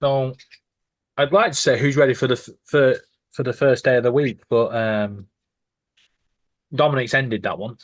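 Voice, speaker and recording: A man's voice: mid-range voice, steady tone, normal speed, pauses often, no room sound. A man hosting a live stream, chatting casually with wry banter and the odd swear.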